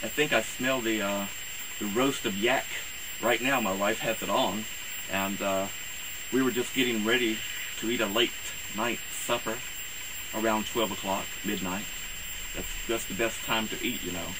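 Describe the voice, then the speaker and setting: A man speaking as a campy horror host, introducing things in a rambling, halting, theatrical way. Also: lowish voice, steady tone. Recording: clear hiss and background noise.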